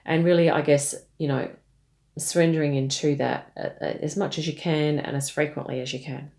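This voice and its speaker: A woman giving a tarot reading, addressing the listener gently, with frequent fillers and restarts. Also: deep voice, steady tone, moderate pace, gravelly. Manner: hesitant, many fillers and restarts; gentle, speaks directly to the listener. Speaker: tarot reader.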